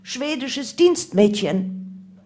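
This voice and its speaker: A woman voicing a woman who poses as a Swedish maid, speaking in halting, broken German. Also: on the high side, sing-song, a little mellow, slight background noise, pitched above the performer's own voice, heavily acted. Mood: feigned innocence.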